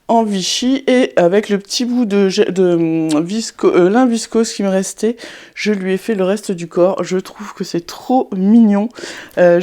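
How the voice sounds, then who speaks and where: A woman's voice: medium pitch, warm tone. A woman chatting casually in a hesitant, rambling vlog style, her voice strained by tonsillitis and a swollen, sore throat. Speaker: sewing vlogger and online haberdashery owner. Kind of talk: casual vlog chat to viewers.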